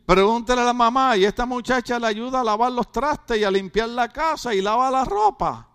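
A man's voice: very high voice, a little fast, a bit bright, clear, resonant tone. A male pastor preaching a humorous sermon, joking and chatty with rhetorical questions.

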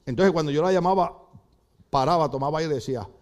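A fast, slightly high male voice belongs to an older Puerto Rican preacher giving a church sermon. He animates his comic tales by acting out each voice.

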